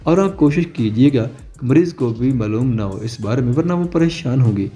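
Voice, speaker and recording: Serious male doctor, voiced by a man; calm, measured storybook reading. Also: medium pitch, soft background music, lightly acted. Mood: grave.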